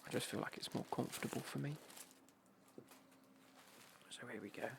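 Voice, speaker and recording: A British man speaks in a hushed, breathy whisper that often drops into a very gravelly, creaky murmur. He chats informally, as in an ASMR unboxing, rambling along with understated remarks. Faint noise sits behind his voice. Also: medium pitch, normal speed. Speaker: ASMR vlogger showing golf clothing.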